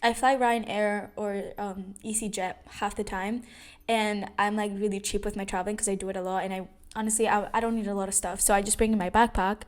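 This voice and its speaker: A woman's voice: mid-range voice, level tone, fairly quick. A young adult woman telling a personal story in a casual vlog, chatty, with many fillers and restarts. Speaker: vlogger.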